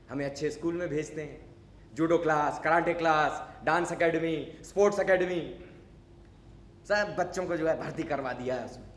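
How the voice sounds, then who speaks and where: A man's voice: on the high side, echoey room, slight background noise, close to an everyday voice. A man acting a grumpy, unsociable neighbor in a stage monologue, talking in a scolding, sarcastic, lecturing way. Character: grumpy unsociable male neighbor, middle-aged. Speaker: stage actor. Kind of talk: theatrical monologue.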